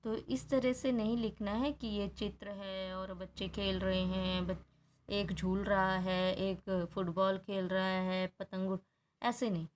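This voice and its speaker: A woman's voice: mid-range voice, level tone, slow pace, slight background noise. A woman teacher patiently working through a Hindi grammar workbook, explaining each answer step by step and checking in with students. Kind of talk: workbook lesson walkthrough.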